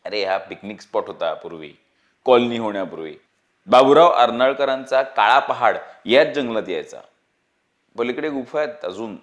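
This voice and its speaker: A man's voice: medium pitch, animated, normal speed, close to an everyday voice. A man reading the part of a cocky young man who plans the job, self-assured and lecturing. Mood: confident.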